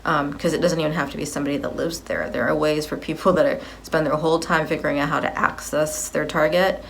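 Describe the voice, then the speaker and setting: A woman's voice: low-pitched, steady tone, fast talker, gravelly, slight background noise. A woman in her fifties giving a personal video update, rambling as she repeats and corrects herself. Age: 50s.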